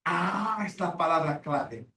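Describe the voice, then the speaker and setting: A man's voice: sits high, takes it slowly, sharp tone. A man in his sixties teaching a Bible class in sermon style, emphatic and repetitive, acting out quoted prayers. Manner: emphatic, repeats words, acts out quoted prayers. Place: church classroom. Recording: echoey room from far off with faint hiss.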